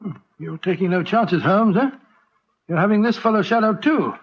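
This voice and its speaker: An actor playing Doctor Watson, a genial and easily astonished English sidekick, chummy and blustering, in 1940s radio style. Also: male voice, high voice, normal speed, slight background noise. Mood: surprised, curious. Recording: dull vintage radio recording.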